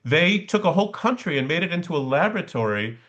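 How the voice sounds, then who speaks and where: Over a video call for an online class, a man leads a conversational study session, explaining things and often checking in with a short questioning tag. His voice is fairly high and bright, very animated and fast. The recording sounds muffled.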